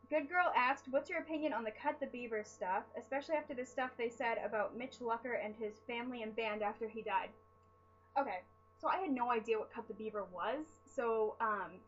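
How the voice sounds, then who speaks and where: A tired young woman talks casually to her viewers, rambling off-topic and putting herself down. Her voice sits fairly high. The audio is dull and lo-fi, with a faint hum underneath. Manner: chatty, rambling, self-deprecating. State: sleep-deprived. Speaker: vlogger answering fan questions. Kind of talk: casual chat.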